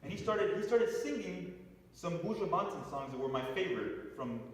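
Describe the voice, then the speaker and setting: A man with a high-sitting voice and lively intonation addresses a congregation at normal speed, weaving a story full of restarts and side remarks to listeners. It was captured from afar in an echoey church hall.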